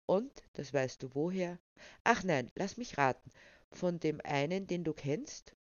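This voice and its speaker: A reader doing a sharp-tongued young woman. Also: medium pitch, normal speed, no echo, natural voice. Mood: cutting. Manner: pointed, cutting. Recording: dull, dry lo-fi recording.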